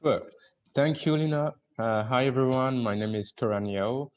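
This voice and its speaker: A man's voice: medium pitch, moderate pace. A man from Ivory Coast introducing himself politely on an online panel, with small fillers. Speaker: environmental group founder, panelist.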